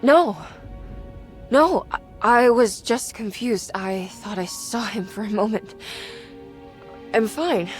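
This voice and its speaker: Anxious young woman, high-voiced and haunted. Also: slow pace, soft background music. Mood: shaken, confused. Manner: hesitant, anxious delivery. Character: Emily Hartwood, anxious haunted young woman searching for her uncle. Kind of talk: cinematic video game acting.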